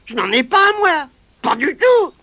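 A woman voicing a tiny, wily male leprechaun who whines, pleads and tries to trick, in a very high, shrill voice. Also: sing-song, measured pace, sharp tone, no room sound, exaggerated voice. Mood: indignant. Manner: sly and pleading, fakes tears and fright.

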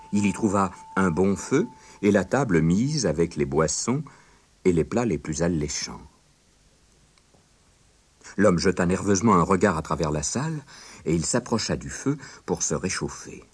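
A man narrating a fairy tale in an expressive, dramatic reading. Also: low voice, breathy edge. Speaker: storyteller.

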